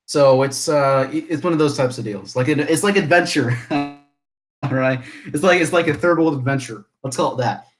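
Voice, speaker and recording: A young man from Bangladesh talks on a live stream in a loose, rambling way. His pitch sits in an ordinary middle range, he laughs often, and he restarts his sentences as he goes. The sound is a plain home computer microphone. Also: moderate pace, music in the background, rough recording. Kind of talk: casual live stream chat. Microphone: computer mic, camera off.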